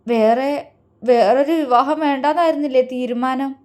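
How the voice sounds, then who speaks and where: Casting: a stammering, heartbroken young woman in a storybook romance, pitched high and bright, voiced by a woman narrator. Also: natural voice. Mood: tearful. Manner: stammering, halting. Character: timid young woman in love, tearful.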